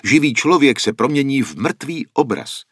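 A man's voice: mid-range voice, animated, a bit bright, slightly rough, no room sound, clean studio sound, pitched above the performer's own voice. A man voicing an old wandering painter who explains in an earnest, solemn way. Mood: grave. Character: old wandering male painter, grave and worried.

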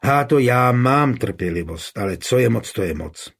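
A man reading the part of a calm, wry, confident suitor in an audiobook, with a husky voice. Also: medium pitch.

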